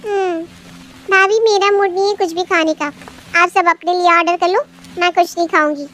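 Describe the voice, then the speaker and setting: A woman's voice: very high-pitched, steady tone, moderate pace, fairly bright tone, voice pushed up. Woman playing a cheeky spoiled young sister-in-law. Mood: sulky. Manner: teasing, careless.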